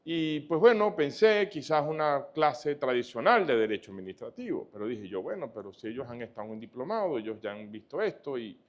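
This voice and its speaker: A man from Venezuela giving a formal lecture as guest speaker, courteous and often pausing on "eh". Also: medium pitch, animated. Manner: courteous, with frequent "eh" hesitations. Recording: dull lo-fi sound.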